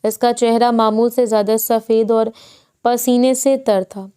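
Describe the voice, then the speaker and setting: A woman narrating a romance audiobook in a calm, measured storytelling manner. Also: a little high, smooth.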